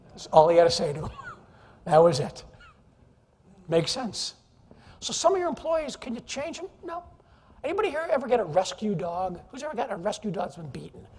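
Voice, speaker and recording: Male keynote speaker, high and husky voice, jokey and animated, echoing conference hall. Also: a little fast, long pauses. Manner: animated, jokey, teases the audience. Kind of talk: energetic, humorous business presentation. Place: large conference hall, live audience.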